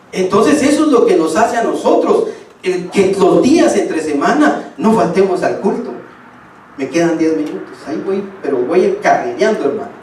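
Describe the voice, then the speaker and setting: A man preaching a sermon, fairly high-pitched and emphatic, talking straight to his congregation. His voice rings through a very echoey hall, caught from some distance with faint room ambience behind it. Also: a little mellow, a little hiss or hum. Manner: emphatic, speaks to the congregation directly. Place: church hall.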